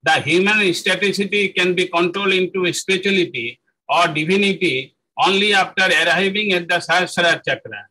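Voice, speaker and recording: A man with a high, bright voice gives a spoken lecture on spiritual practice. He halts often, fills gaps with "uh" and corrects himself mid-phrase. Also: low-quality recording. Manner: halting, with frequent fillers and self-corrections.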